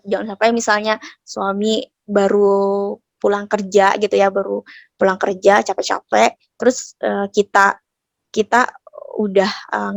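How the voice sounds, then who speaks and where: Young woman giving a chatty talk, lots of fillers, kinda gravelly, dry sound. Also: mid-range voice, dry recording. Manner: conversational, many fillers and tag words. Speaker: speaker at a study session. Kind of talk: informal talk on marriage communication.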